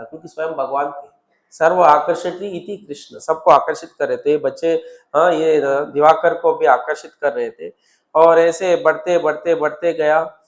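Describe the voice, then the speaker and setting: A man with an Indian accent preaching a sermon, telling the story with acted-out dialogue and repeated words. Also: a little high. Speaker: temple preacher.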